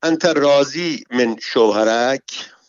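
A man reading a story, voicing a nosy and vengeful palace woman who speaks slow, heavily stressed broken Arabic. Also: mid-range voice, no room sound, pitched above the performer's own voice, natural voice. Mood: prying. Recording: dull, dry recording.

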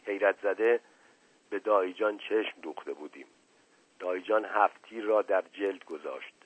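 A man narrating a novel in a lively storytelling manner, in a dull lo-fi radio recording. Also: fairly low pitch, slightly rough, no echo. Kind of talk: novel reading.

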